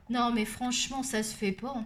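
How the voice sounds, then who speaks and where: Chatty woman w a shrill high voice doing a coloring tutorial, talks loud, bit of hiss behind. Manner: loud, talkative and animated. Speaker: colouring tutorial host.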